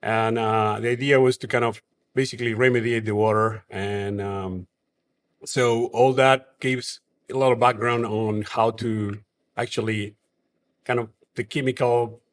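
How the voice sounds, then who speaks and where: A man from Argentina with an Argentine Spanish accent, co-founder of a brewery, chats casually in an interview. His lowish, steady voice is halting, full of fillers and restarts.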